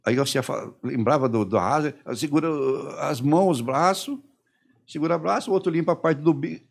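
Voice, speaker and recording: A middle-aged man from Brazil, a podcast guest, telling his story haltingly and quoting the people who questioned him. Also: on the high side, vocal fry, breathy edge. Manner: halting retelling, quoting his interrogators and himself. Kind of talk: personal testimony in a podcast interview.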